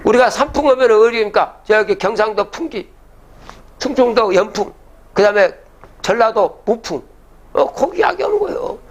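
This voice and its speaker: A man's voice: high voice, expressive, moderate pace. An older man giving a public lecture, reciting old verses and then explaining them, often asking the audience rhetorical questions.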